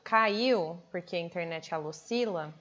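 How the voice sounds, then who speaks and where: A woman with a Brazilian Portuguese accent hosting a live stream, chatting casually and talking quickly. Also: lowish voice, a bit bright, highs cut off. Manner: fast, hurried talker.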